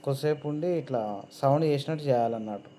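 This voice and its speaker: A woman's voice: extremely low pitch, rapid-fire, mellow, a little hiss or hum. A woman with a Telangana Telugu accent, chatting casually with family at a village home and coaxing the children. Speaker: vlogger.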